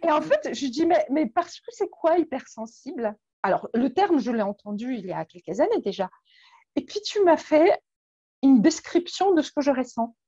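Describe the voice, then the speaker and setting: A woman's voice: sits high, big pitch swings, normal speed, mellow, no room sound, lo-fi sound. A woman from Poland with a Polish accent, speaking French as a guest in a casual interview, hesitant and full of fillers and restarts. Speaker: guest coach.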